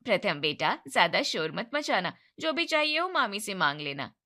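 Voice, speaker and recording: A woman voicing a breezy, careless sister-in-law who talks brisk and offhand, in a storybook narration. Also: mid-range voice, sing-song, pushed and bright.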